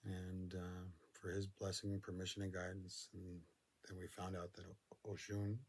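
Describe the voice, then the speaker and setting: A man's voice: low voice, completely flat delivery, normal speed, slightly rough. A man from Northern California telling intense personal stories in an earnest way, swearing freely. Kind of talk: personal storytelling.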